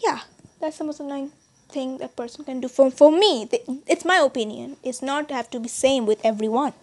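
A teenage YouTuber from India talks casually to her subscribers in an Indian accent, restarting often and filling gaps with fillers as she rambles. Recorded indoors in a small bedroom, her voice sits high with a darkish tone at normal speed.

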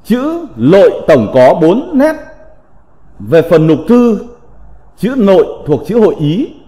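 A man teaching a slow recited vocabulary lesson, reading in a deliberate, measured way with drawn-out syllables. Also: high voice, sing-song, mellow. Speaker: teacher of classical characters. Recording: long reverb.

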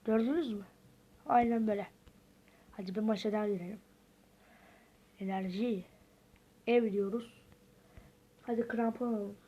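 A woman's voice: medium pitch, moderate pace, long pauses, breathy edge, highs cut off. A woman giving casual gameplay commentary, talking to viewers and muttering reactions as she plays. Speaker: gaming video host.

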